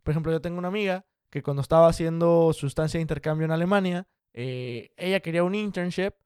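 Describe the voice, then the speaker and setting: Smooth-voiced young man. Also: fairly high pitch, darkish tone, dry recording, clean studio sound. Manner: direct, brisk and encouraging, addresses the viewer as "you". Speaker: career advice vlogger. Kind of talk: casual explanatory talk to viewers.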